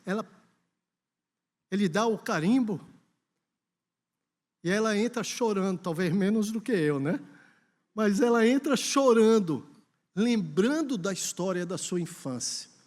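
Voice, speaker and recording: A man's voice: high voice, expressive, a little slow, pauses often, a little mellow. A Brazilian man preaching a sermon at a church conference, telling a story and then urging the congregation on with emphasis. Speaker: pastor. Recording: long hall reverb.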